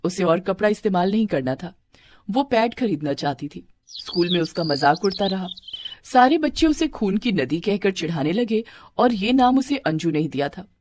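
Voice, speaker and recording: A woman reading scripted storybook narration in a steady, clear storytelling voice. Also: mid-range voice, moderate pace, a little hiss or hum.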